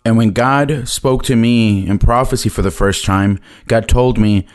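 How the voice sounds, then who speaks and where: A man interpreting a testimony live in a church hall, measured and plain, holding a handheld mic. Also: mid-range voice.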